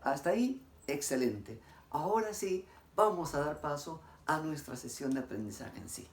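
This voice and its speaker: A man's voice: on the high side, lively intonation, moderate pace, far from the mic. A man teaching a recorded lesson, asking his class questions and answering them himself with praise. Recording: roomy echo, voice away from the mic.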